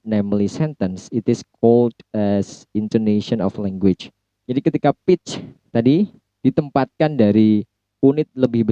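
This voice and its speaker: Indonesian guy teaching phonology, really dark mellow voice, dry lo-fi mic. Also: mid-range voice, dry recording. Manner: mixes explanation with slow drawn-out example sentences. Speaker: lecturer. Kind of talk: recorded phonology lecture.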